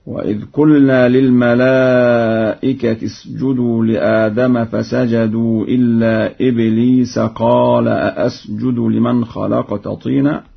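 Male presenter for a radio Quran program, gravelly, very slow, explains then chants examples, dull lo-fi sound. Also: mid-range voice. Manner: slow, deliberate, breaks into chant for cited verses. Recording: dull lo-fi archive radio recording.

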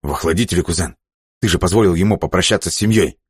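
A man's voice: low voice, racing, breathy edge, dry recording, clean studio sound, pitched above the performer's own voice. A man reading an audiobook voices a wary, loyal male cousin who speaks cautiously and respectfully, then pleads urgently.

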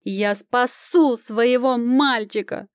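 A woman voicing a grumpy, frightened old village woman who fiercely shields her son, snapping back in a defiant, drawn-out voice. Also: a little high, steady tone, clean tone, no room sound, studio quality, voice pushed up, close to an everyday voice. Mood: desperate shrill.

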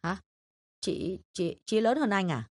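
A woman voicing a polite young adult daughter who speaks softly and hesitantly, smoothing things over in an audio drama. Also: medium pitch, very animated, measured pace, dry recording, clean studio sound. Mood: tactful.

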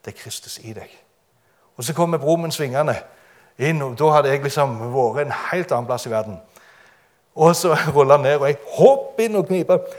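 A man's voice: fairly high pitch, animated. Guy preaching his testimony, big dramatic storytelling, laughs a lot. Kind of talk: testimony sermon.

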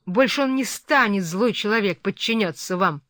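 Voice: mid-range voice, expressive, normal speed, sharp tone, dry recording, studio quality. A reader doing a defiant, headstrong young woman. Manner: bold, raised, defiant.

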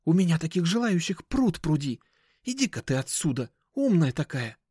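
Man doing a hissing middle-aged woman dealer, hushed whisper, high pitch, snappish and nervous, dry close sound. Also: sing-song, moderate pace, husky, no room sound. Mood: nervous snapping. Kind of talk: audiobook character voice.

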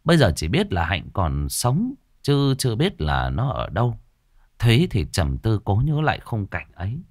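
A male storyteller, reading with a lively, swinging rise and fall in his voice. The recording is dry and close, with no room sound around him. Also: fairly low pitch, moderate pace, no echo. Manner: expressive, shifts into character voices. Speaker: audiobook narrator. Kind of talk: storybook narration.

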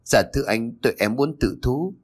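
A man's voice: mid-range voice, animated, brisk, breathy edge. A man voicing a frightened confessing schoolgirl. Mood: nervous. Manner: hesitant, respectful.

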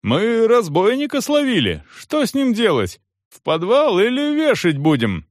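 A man voicing a rough, eager castle guard who talks bluntly and loudly. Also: sits high, huge pitch swings, a little slow, no room sound, clean studio sound, voice pushed up, exaggerated voice. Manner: loud blunt soldierly speech.

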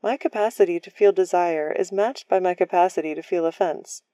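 A woman voicing a literal, precise female ship AI in a storybook reading, formal and deadpan. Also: fairly low pitch, brisk, no room sound, close to an everyday voice.

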